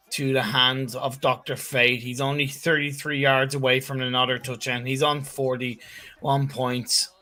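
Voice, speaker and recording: Man, esports color commentator, slightly high pitch, bright tone, chatty, joking. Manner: chatty, animated analysis with jokes.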